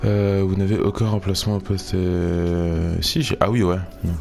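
Deep-voiced man commenting on gameplay. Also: normal speed, gravelly, soft background music. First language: French. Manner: chatty, thinks aloud, excited chanting during pack openings. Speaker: gaming YouTuber.

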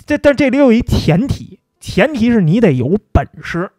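A man's voice: high voice, very animated, moderate pace, darkish tone, no echo, faint music behind. A man hosting a livestream, talking philosophy in a chatty, joking, colloquial way. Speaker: livestream host. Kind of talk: casual philosophy talk.

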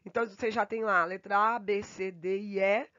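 A woman from Brazil, an English teacher giving a remote grammar lesson from home. She draws out slow English example phrases between quick asides to her students. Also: mid-range voice, fairly even intonation, sharp tone, no room sound. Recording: dull, dry home recording.

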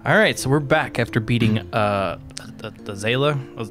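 Casual male gamer, mid-pitched voice. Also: moderate pace, music in the background. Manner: informal, sweary. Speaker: let's play co-host. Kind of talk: casual gaming commentary.

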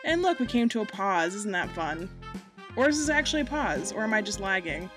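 A woman's voice: medium pitch, big pitch swings, fairly quick, over music. A chatty, self-deprecating woman from Massachusetts, rambling through a casual home voiceover over gameplay while recorded under a blanket. She breathes audibly and laughs often. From Massachusetts, United States. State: breathing audibly, getting hot. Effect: muffled, recorded under a blanket. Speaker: gaming YouTuber.

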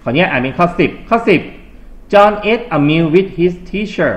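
Thai guy teaching english, fairly high voice, patient and slow on the test lines. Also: big pitch swings. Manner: patient, reads English sentences slowly, coaxing students. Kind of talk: classroom exam review lesson.

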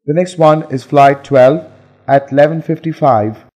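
A man with a slightly raised pitch reads practice dialogue phrases in a plain, measured delivery. A long reverb hangs after his lines. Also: a little mellow, highs cut off. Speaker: dialogue reader in an English lesson. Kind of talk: scripted dialogue reading.

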